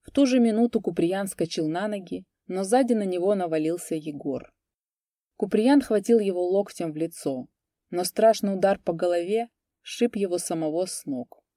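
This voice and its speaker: A woman reading a story aloud as its narrator, in a measured, dramatic storytelling manner. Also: lowish voice, warm tone, no room sound, studio quality. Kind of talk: scripted audiobook narration.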